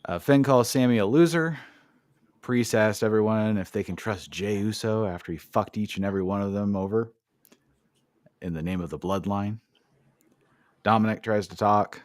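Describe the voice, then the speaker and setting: A man's voice: lowish voice, normal speed, pauses often, no room sound, studio quality. A man co-hosting a casual podcast, recapping a wrestling show, laughing often and acting out quoted lines. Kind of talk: casual chat.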